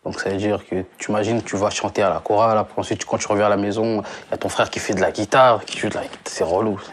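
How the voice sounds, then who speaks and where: A man's voice: fairly low pitch, quick pace, slightly rough. A young man from Congo, a singer, chatting casually in an interview, slangy and full of restarts and fillers. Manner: relaxed slangy talk with many restarts and fillers. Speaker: singer guest.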